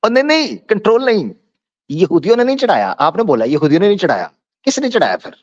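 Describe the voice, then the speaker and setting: Insistent, lively-voiced male debater. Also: high-pitched, no echo, highs cut off. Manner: insistent, interrupting, repeats phrases, recites Arabic verses. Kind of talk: heated debate.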